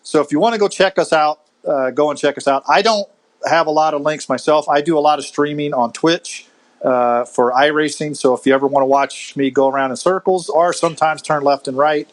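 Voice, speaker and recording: On a video-call podcast, this host keeps things relaxed, breaking into laughter frequently and starting sentences over. His voice runs on the high side and a little fast, and the recording is rough.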